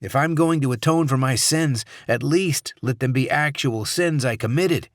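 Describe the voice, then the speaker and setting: A man's voice: mid-range voice, moderate pace, no echo, clean studio sound, pitched above the performer's own voice, natural voice. A man playing a desperate male senator held hostage, strained, defiant and pleading in an audiobook.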